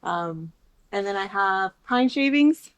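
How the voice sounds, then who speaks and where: A woman's voice: mid-range voice, animated, slow pace, clean tone, no room sound, highs cut off. A young woman chatting casually to viewers while doing chores outdoors by a chicken coop, with frequent ums. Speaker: homesteading vlogger. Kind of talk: casual vlog narration.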